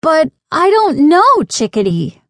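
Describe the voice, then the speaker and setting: A woman's voice: high-pitched, very animated, a little slow, a little mellow, dry recording, clean studio sound, voice pushed up, heavily acted. A woman voicing an earnest, eager young girl in a children's audiobook, with a timid, wondering manner.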